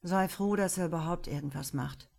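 A woman's voice: lowish voice, normal speed, vocal fry, a little mellow. A woman reading the lines of a terse, dry-spoken adult man, a tired father, in a storybook. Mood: laconic. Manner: dry, clipped, terse remarks.

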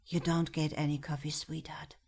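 A woman's voice: sits low, normal speed, darkish tone, breathy edge. A woman reading the lines of a terse, dry-spoken adult man, a tired father, in a storybook. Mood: whispered. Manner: dry, clipped, terse remarks.

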